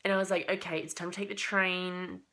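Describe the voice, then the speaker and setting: A young woman with a slight cold, casually telling a travel story for her vlog in an animated, chatty way full of "like" and quoted thoughts. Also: fairly low pitch, a little fast. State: has a cold, coughing. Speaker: vlogger.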